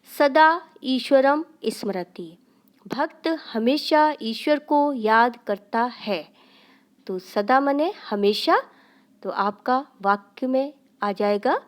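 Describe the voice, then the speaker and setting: A woman teaching a recorded Sanskrit grammar lesson. Her voice sits a little high, and she talks slowly and deliberately. She explains each point step by step, asking questions and then answering them herself.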